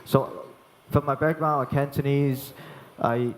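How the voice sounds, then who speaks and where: A young chef from Hong Kong talks an audience through a live cooking demonstration. He explains each step patiently but haltingly, restarting his phrases often. His voice rings with the long reverb of a large hall. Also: medium pitch, steady tone.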